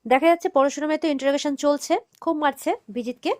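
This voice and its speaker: A woman's voice: high-pitched, a little mellow. A woman recapping a TV serial episode in a casual retelling, quoting the characters' lines as she goes. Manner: retells quickly, quoting each character's lines with light emphasis.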